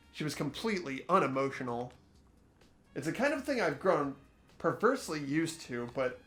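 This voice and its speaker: A performer voices an earnest, uneasy teenage schoolboy narrating an investigation in a visual novel game. The delivery is hesitant and expressive, in a natural, medium-pitched voice.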